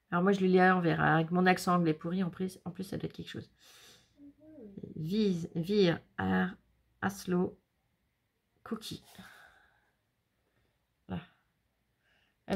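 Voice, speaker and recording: Chatty woman with gravelly voice. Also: mid-range voice. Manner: chatty, laughing often, exclaiming over crafts. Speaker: scrapbooking vlogger. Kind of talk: casual unboxing chat.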